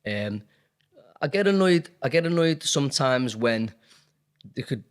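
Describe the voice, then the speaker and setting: A dentist and business owner in his thirties from Liverpool, England, speaks with a Liverpool accent in a casual interview, candid and a little rambling with many fillers. His medium-pitched voice is expressive, clear and resonant at a measured pace.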